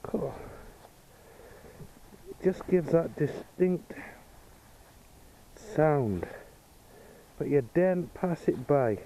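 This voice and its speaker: A man's voice: on the high side, expressive, extremely slow, long pauses, dark tone. A man giving casual, hesitant field commentary as a metal detecting host, musing aloud outdoors. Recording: muffled audio with outdoor background noise.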